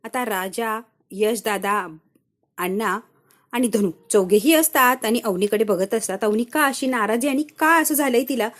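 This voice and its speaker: A woman's voice: a little high, moderate pace. A woman retelling the day's TV serial episode casually, telling the story with animation. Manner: animated storytelling that acts out the characters' lines. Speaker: TV serial recap narrator.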